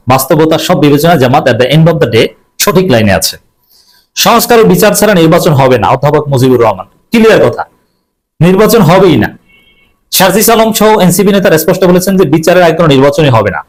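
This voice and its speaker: Male commentator, middle-aged, rapid delivery, fairly high voice, emphatic and mocking. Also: low-quality recording. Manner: emphatic, repeats slogans, mocking asides. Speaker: political commentator. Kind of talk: political commentary monologue.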